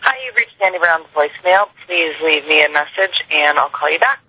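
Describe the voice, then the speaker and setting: Man, answering machine message, polite voicemail greeting, slightly high voice, tinny phone line, faint hiss. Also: brisk. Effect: recorded answering machine message.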